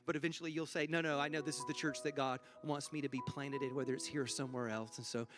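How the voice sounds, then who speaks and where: A man's voice: mid-range voice, steady tone, fast, music in the background. A man, a pastor joking playfully with his congregation while he runs a raffle from the church stage. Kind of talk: church service announcements and raffle.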